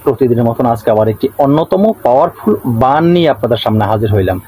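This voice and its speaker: A man with a Bengali accent hosting his channel, explaining a ritual to viewers in a repetitive, drawn-out way. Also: mid-range voice, lively intonation, dark tone, slight background noise, rough recording. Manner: repetitive, draws out words slowly when reciting. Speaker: channel host teaching folk rituals. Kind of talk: casual instructional talk to viewers.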